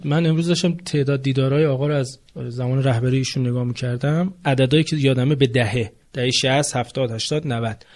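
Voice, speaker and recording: A male podcast host with a mid-range voice speaks in a measured, conversational way. He shares anecdotes with his guests and reads the closing announcements steadily. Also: medium pitch.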